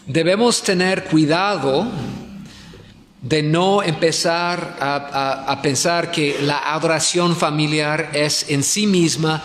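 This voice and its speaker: A man's voice: a little high, steady tone, slow, a bit bright, a little hiss or hum. A man preaching at a pastors' conference, asking his listeners questions and repeating his key points. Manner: asks the audience questions and repeats himself. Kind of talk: conference sermon. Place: church hall in Ecuador. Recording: echoey hall.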